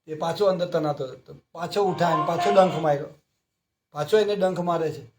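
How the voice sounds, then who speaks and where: Man giving a lively scripture talk. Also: on the high side, a little fast, background noise. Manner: storytelling with frequent rhetorical questions to the audience. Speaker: devotional class speaker. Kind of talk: scripture class sermon.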